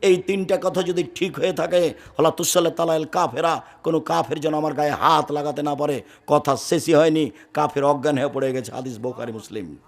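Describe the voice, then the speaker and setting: A man preaching a Friday sermon, forceful and firm, swinging from loud declaiming to low murmurs. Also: fairly quick, creaky. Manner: speaks firmly and loudly by habit.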